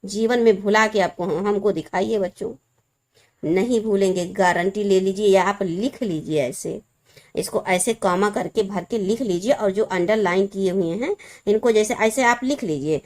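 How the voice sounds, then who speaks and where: A woman's voice: mid-range voice, a little mellow. Hindi teacher woman drilling students patiently. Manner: repeats key words slowly, addresses students as children. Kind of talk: classroom lesson explaining memory tricks.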